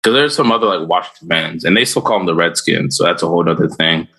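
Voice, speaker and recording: A man's voice: deep voice, fast talker, pushed and bright, slightly rough. A man co-hosting a podcast in casual chat, laid-back, telling stories with voiced asides. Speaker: podcast co-host.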